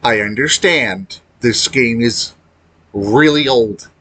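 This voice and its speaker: Here a man who makes gaming videos riffs with unplanned commentary, faltering in his speech and plain-spoken in his grievances. His mid-range voice carries a slight brightness.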